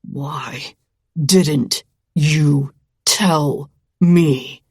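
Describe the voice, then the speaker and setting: Casting: woman doing a brooding young man, low threatening rasp, breathy, deeper than her own voice, whispered audiobook reading. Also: a little slow, darkish tone, no room sound, studio quality, exaggerated voice. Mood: menacing. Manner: speaks through gritted teeth, sneering.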